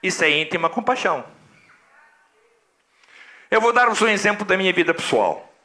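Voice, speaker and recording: A man's voice: expressive, moderate pace, bright, forceful tone. A man from Angola, a pastor telling a personal story in a sermon, emphatic and dramatic. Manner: emphatic, dramatic, with big swings in pitch.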